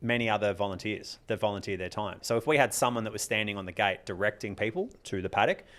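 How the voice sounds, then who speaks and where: A man chatting on a podcast in a fairly low voice. He rambles, restarts his sentences and laughs along the way. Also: fast, a bit bright. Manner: rambling, self-interrupting, often laughing. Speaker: podcast co-host and club organiser. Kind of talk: casual podcast chat.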